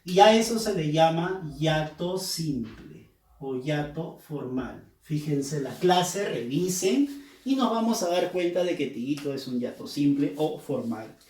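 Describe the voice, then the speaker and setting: A man's voice: a little high, expressive, unhurried, darkish tone. A male teacher giving a recorded review lesson, explaining patiently and repeating key terms. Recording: roomy echo, mic at a distance.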